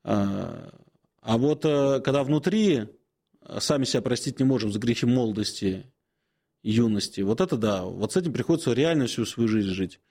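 A man in his forties speaks as a priest on a call-in advice show. His voice sits at an ordinary middle pitch, and he talks without hurry. He pauses often and fills the gaps with hesitant sounds while he gives gentle counsel. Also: animated, creaky. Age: 40s. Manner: unhurried, many hesitations, gently advising. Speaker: Orthodox priest answering questions.

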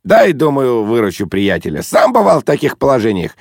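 Guy doing a cheeky loudmouth, jumpy high voice, kinda gravelly. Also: wildly swooping pitch, a little fast, no room sound, studio quality, exaggerated voice. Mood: cheeky, brash. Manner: boisterous, teasing, shouty bursts. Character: brash overfamiliar loud man, mocking, pushy.

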